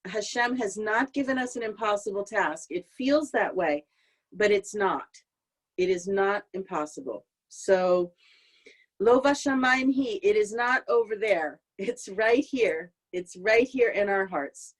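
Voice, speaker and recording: A woman's voice: mid-range voice, lively intonation, measured pace, rough recording. A woman leading Shabbat services over a video call, speaking heartfelt and emotional, close to tears. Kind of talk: heartfelt spoken Shabbat reflection. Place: home meditation and prayer room.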